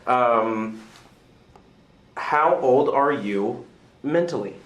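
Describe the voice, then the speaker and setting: A young man in his early twenties hosts a loose, joking podcast chat. He rambles and keeps restarting his sentences at an even middle pitch. The room around him is noticeably echoey. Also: very slow. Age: 20s. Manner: rambling, self-interrupting, joking. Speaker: podcast host. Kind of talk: casual chat.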